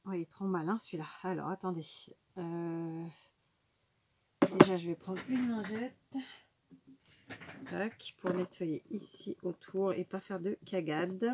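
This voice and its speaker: A woman's voice: on the low side, steady tone, measured pace, long pauses. Woman doing a craft tutorial, chatty, lots of euh and little asides, faint hiss in the background. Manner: chatty, explains while working, many fillers and asides; talks directly to viewers.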